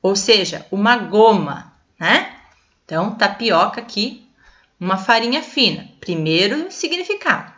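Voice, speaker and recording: Animated, bright-voiced Brazilian woman teacher. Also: mid-range voice, unhurried, muffled recording. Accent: Brazilian Portuguese. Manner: explains patiently, checking in with "né?" and "tá?". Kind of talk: classroom lesson for children.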